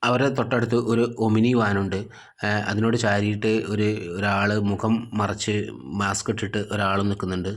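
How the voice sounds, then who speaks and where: A man's voice: fairly low pitch, level tone, normal speed. A man casually retelling a TV serial episode, relating each character's lines in his own plain storytelling voice. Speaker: narrator recapping a TV serial episode. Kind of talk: casual spoken plot recap.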